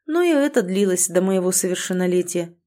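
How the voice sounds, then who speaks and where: A woman reading a calm, protective alpha werewolf husband. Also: lowish voice, a little fast, close to an everyday voice. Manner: quiet, even and soothing.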